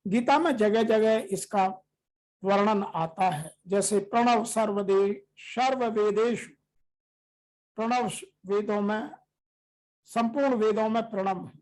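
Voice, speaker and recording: Teacher, unhurried verse reading, steady explanations, mid-range pitch. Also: poor audio. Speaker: scripture teacher. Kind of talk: scripture commentary.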